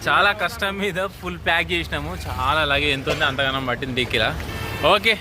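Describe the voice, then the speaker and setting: A man's voice: fairly high pitch, fast, music in the background. A young man with a Telangana accent, chatting casually to viewers as a vlogger while standing outdoors beside a car. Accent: Telangana Telugu. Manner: chatty, addresses viewers as friends. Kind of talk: casual vlog narration. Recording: outdoor street and traffic noise.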